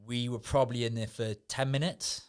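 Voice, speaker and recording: A man's voice: mid-range voice, steady tone, a little fast, clean tone. A man as a podcast guest, telling rowdy stories in a laddish, casual way, swearing freely and laughing along. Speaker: podcast guest, former Ibiza events worker. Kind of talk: casual storytelling chat.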